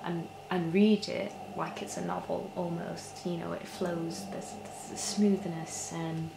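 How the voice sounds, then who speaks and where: A woman speaks softly in an ASMR role-play as a librarian, close in a library soft voice. Her voice is fairly low and creaky, with gentle, hesitant phrasing. The room echoes and there is clear noise behind her. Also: flat delivery, a little slow. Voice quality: soft, hushed voice, near soft voice at times. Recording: roomy echo with clear background noise.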